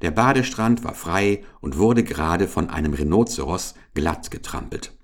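A man narrating a humorous children's animal story in a lively, ironic, expressive reading. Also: low voice, moderate pace.

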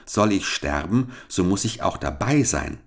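A man's voice: low voice, animated, measured pace, gravelly, heavily acted. A man voicing a fearless, cheeky young lad in a read-aloud fairy tale, sounding carefree and cocky. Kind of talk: storybook reading.

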